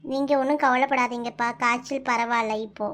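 A woman doing a squeaky polite cartoon village girl, sweet and obedient. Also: steady tone, brisk, fairly bright tone, close to an everyday voice. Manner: polite and dutiful, answers respectfully. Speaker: daughter figure. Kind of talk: Tamil cartoon voice acting.

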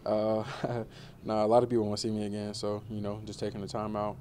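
A young man in his twenties, a college football player, answering questions in a relaxed postgame press interview, with many fillers. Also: fairly low pitch, a little fast, a little hiss or hum. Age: 20s. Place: indoor media room before a banner.

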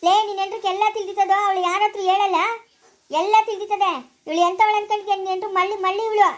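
A sharp-tongued village grandmother, played by a woman, scolds in a high, quick voice. She is loud and calls people names as she tells them off in this family drama. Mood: scolding. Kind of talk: amateur village drama acting.

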